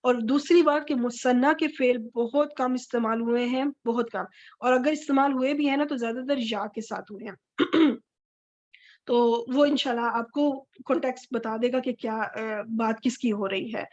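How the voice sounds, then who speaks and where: A woman's voice: a little high, darkish tone. A woman teaching a Quranic Arabic grammar lecture, patiently repeating verb forms and stressing their endings. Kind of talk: recorded online grammar lecture. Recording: dull lo-fi recording.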